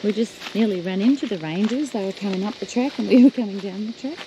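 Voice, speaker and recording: A woman's voice: medium pitch, fast talker. Aussie woman chatting away on a road trip vlog, laughs a lot, noisy outdoor recording with car sounds behind. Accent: Australian. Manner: chatty, laughs often, points out sights. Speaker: travel vlogger. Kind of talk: casual chat while touring. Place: outdoors, driving the beach and walking bush tracks. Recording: outdoor video with noticeable background noise.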